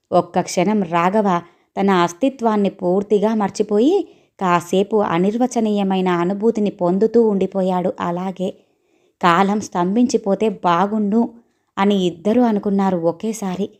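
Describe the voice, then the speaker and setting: A woman's voice: medium pitch, a little mellow. Woman storyteller reading steadily.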